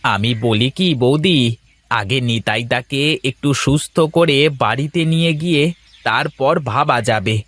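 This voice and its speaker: A man's voice: mid-range voice, a little slow, fairly bright tone, dry recording. A man voicing a caring village neighbor who takes charge and reassures others in a cartoon story. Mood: reassuring. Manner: urgent, reassuring. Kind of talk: animated cartoon voice acting.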